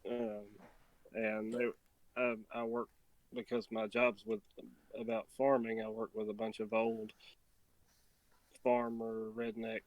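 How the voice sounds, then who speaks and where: A man's voice: fairly low pitch, monotone, slow, long pauses, no echo, poor audio. A man in a casual interview chat, talking in an easygoing, rambling way. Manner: easygoing, rambling, with many restarts and fillers.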